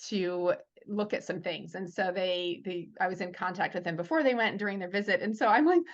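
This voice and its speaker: A woman, a military spouse advocate, telling stories in a casual interview in a lively way, acting out the voices she quotes. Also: on the low side, brisk, dull audio.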